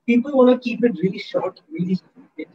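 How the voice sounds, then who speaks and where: Brief: high-pitched man leading a student workshop, upbeat and coaxing, muffled lo-fi call audio. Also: a little fast, slightly rough. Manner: upbeat, coaxing, keeps asking the audience. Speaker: guest speaker in a student workshop. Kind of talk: interactive online lecture.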